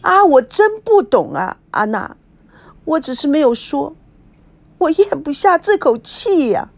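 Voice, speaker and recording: A woman voicing a loud, nosy middle-aged woman who scolds and bursts out dramatically in a story reading. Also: high-pitched, sing-song, a little slow, creaky, voice pushed up, full character voice. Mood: tearful. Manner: brash and scolding, dramatic outbursts.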